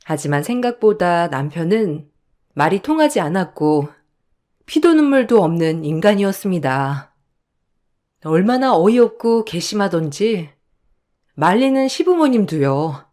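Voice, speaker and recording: A woman's voice: fairly low pitch, very animated, a little slow, a little mellow. A woman reading a first-person story aloud and voicing herself in emotional radio-drama scenes. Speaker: narrator and heroine.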